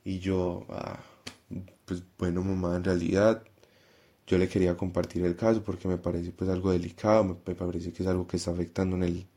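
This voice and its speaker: A young man with a Paisa accent from Colombia, guest on a casual podcast. He tells his story in a deep, husky voice, slipping into the voices of the people in it. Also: level tone, a little fast, dark tone. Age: 20s. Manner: acts out dialogue while telling a story. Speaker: guest, primary school teacher.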